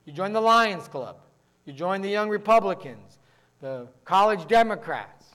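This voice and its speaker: A man from the northern United States preaching a sermon as pastor, talking fast and mixing in joking asides. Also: sits high, lively intonation, a bit bright.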